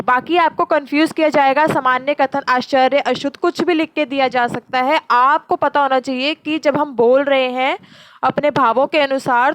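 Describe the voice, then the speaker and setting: A woman teacher explains exam questions, repeating and asking and answering her own questions, and slows down sharply to give each answer. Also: high-pitched. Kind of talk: exam-prep lecture.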